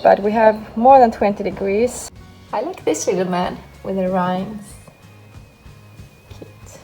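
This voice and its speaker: This woman talks slowly, with a medium pitch and dark tone, while she explains her home baking step by step in a relaxed cooking vlog. She comes from Greece but grew up in Sweden. Her kitchen sounds echoey, and faint music plays underneath.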